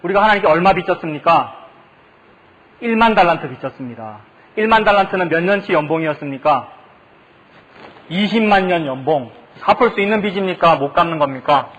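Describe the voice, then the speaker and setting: A man's voice: fairly high pitch, animated, fairly quick, a bit bright. A male pastor preaching a sermon. He often asks the congregation questions. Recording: long reverb of a church hall.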